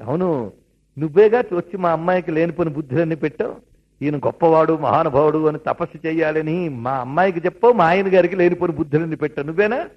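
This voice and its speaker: An indignant mother of the bride, scolding and firing off reproachful questions, as a male preacher puts her on. The voice sits fairly high and sounds husky. It comes through a dull, lo-fi recording. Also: fast talker, close to an everyday voice.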